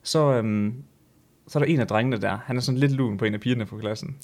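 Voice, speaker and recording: Young male co-host, animated storyteller, laughs a lot, casual swearing. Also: medium pitch. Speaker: podcast co-host. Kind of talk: casual chat.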